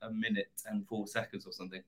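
A man's voice: fairly low pitch, little pitch movement, quick pace, a crowd in the background. A man with an English accent chatting casually as a rugby player guest, hesitant and jokey. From England. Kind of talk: casual chat.

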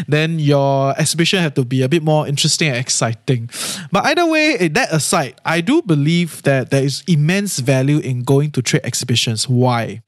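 Singaporean man podcasting in casual Singlish, higher-pitched. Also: no echo, studio quality. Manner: colloquial Singlish, with lah, hor and eh particles; conversational, often checking in with "right?" and "you know". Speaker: podcast host. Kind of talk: casual solo podcast talk giving advice.

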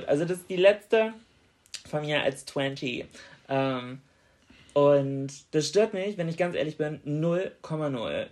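A woman's voice: low voice, darkish tone. Frank, teasing woman podcast co-host. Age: late 20s. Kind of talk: casual chat.

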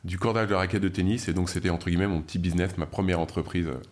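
A middle-aged Frenchman, a media founder appearing as a guest, recounts his career in an interview. He talks very fast in a low, steady voice, chatty and full of fillers and restarts.

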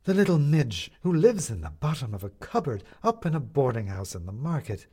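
A man reading a story, voicing a grandiose male showman who milks a crowd with drawn-out proclamations. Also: sing-song, dark tone, husky. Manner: theatrical, booming, drawn-out proclamations.

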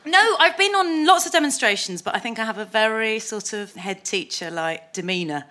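A woman's voice: on the high side, animated, normal speed, sharp tone. A woman telling wry, joking anecdotes as a guest on a comedy panel. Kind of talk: humorous anecdotal panel chat.

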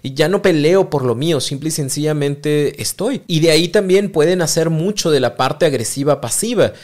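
A man's voice: fairly high pitch, normal speed, darkish tone. A man with a Mexican accent hosting a podcast, talking straight to the listener and explaining ideas through small acted-out exchanges. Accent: Mexican Spanish. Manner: speaks directly to the listener and acts out little dialogues. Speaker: podcast host.

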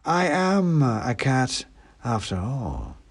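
A man voicing a sly, taunting giant male cat, speaking in a slow, throbbing, whispery voice as he reads an audiobook. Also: mid-range voice, sing-song, husky, voice pushed up, heavily acted. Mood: mocking. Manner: slow, drawn-out, mocking. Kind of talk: audiobook reading.

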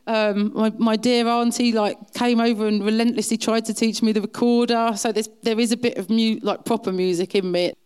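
A woman's voice: a little high, steady tone, brisk, few pauses, a little mellow, smooth. A middle-aged woman with an Essex accent telling anecdotes in a chatty, self-deprecating way as an interview guest. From south-east England. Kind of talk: casual anecdotal chat.

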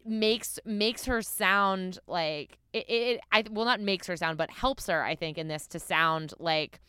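A woman's voice: lowish voice, measured pace, pushed and bright, clean tone, no echo, studio quality. A woman co-hosting a podcast, talking in a casual, rambling way with many restarts and fillers. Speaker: podcast co-host. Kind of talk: casual chat.

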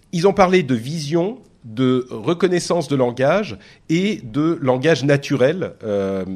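A man's voice: medium pitch, darkish tone. A man hosting a tech podcast in casual chat, talking with many fillers and restarts. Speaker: podcast host.

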